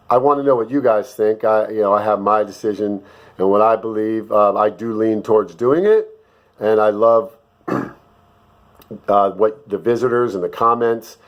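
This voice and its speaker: A man's voice: medium pitch, lo-fi sound. A man with a cold, hosting his own vlog in a rambling, jokey casual chat. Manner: rambling and jokey, with many fillers. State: sick, voice lower than usual. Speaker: vlog host.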